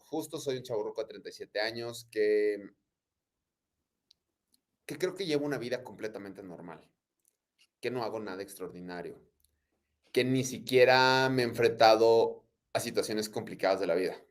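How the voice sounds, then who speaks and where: A man's voice: lowish voice, normal speed, long pauses. A Mexican man in his thirties, a guest in an interview, talking in a reflective, joking way. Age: 30s. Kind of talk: casual interview.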